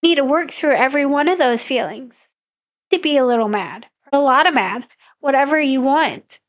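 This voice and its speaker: A woman's voice: high voice, animated, moderate pace. A woman co-hosting a podcast, giving earnest, encouraging advice in casual chat. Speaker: podcast co-host.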